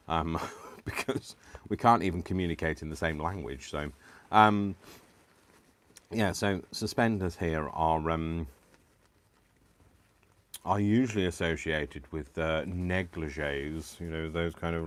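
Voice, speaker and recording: Chatting to live viewers as he crafts, this low-voiced host from the United Kingdom speaks with a British English accent. He rambles and pokes fun at himself, scattering ums and laughs throughout.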